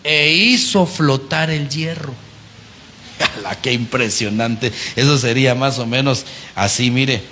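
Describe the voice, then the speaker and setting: A man preaching a conversational sermon, animated and often putting rhetorical questions to the congregation. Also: medium pitch, measured pace, a little hiss or hum.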